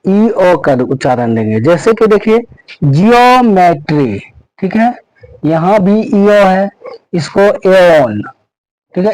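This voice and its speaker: In a classroom-style lesson, a male teacher with a high-sitting, slightly mellow voice explains pronunciation rules step by step, spelling out letters and sounds. He repeats himself often and checks in constantly with "okay." The recording is rough but has no echo.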